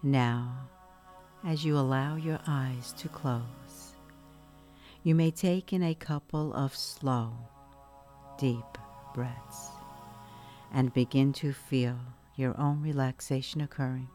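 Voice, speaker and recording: Very slow, soft-spoken woman guiding meditation. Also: rumbling low, steady tone. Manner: soft, soothing, hushed spa-like delivery with long pauses. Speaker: meditation guide. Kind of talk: guided relaxation meditation. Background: music.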